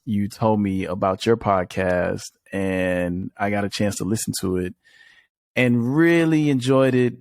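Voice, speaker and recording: A man's voice: lowish voice, gravelly, a little mellow, dry recording, clean studio sound. A man hosting a podcast, talking in a laid-back, casual way with lots of fillers. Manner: laid-back, many fillers like "you know". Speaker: podcast host. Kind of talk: casual interview chat.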